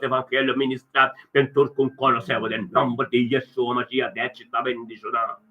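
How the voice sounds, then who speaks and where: A man pastor leading a fervent spoken prayer, chanting repeated refrains of praise. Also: medium pitch. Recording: tinny phone-line sound.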